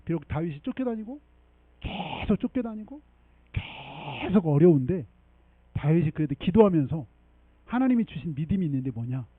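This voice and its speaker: A man preaching a sermon as pastor, animated and emphatic, often checking in with the congregation and leading them in reading scripture. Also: fairly high pitch, normal speed, husky, no echo, phone-quality sound. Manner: animated preaching with frequent rhetorical 'eung?' checks. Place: church sanctuary.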